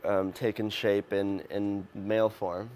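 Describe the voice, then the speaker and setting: A man from Mexico who grew up in Los Angeles, answering a host's questions in a relaxed, halting way with many ums. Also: fairly low pitch. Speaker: interview guest. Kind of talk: casual interview answers.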